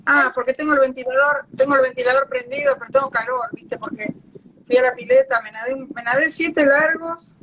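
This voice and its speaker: A woman with an Argentine accent, a biologist guest chatting casually in a live video call from a hallway at home, overheated and talking in quick asides. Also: sits high, fairly even intonation, a bit bright, slight background noise. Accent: Argentine Spanish. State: overheated from the heat. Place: hallway at home beside the router. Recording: lo-fi phone audio.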